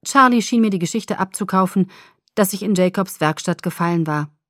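A woman narrates a novel in the first person, measured and expressive. Her voice sits at an ordinary middle pitch. The recording is dry and close, with no room around it. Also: no room sound. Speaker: audiobook narrator.

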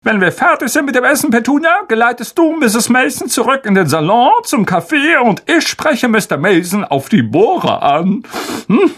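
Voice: mid-range voice, very animated, moderate pace, a bit bright, slightly rough. A reader playing a pompous, self-important uncle who orders his family around. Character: pompous, bossy middle-aged uncle.

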